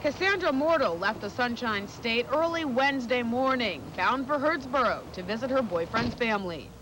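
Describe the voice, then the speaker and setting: A woman's voice: on the high side, animated, normal speed, background noise. A woman working as a television news reporter, narrating a scripted news package.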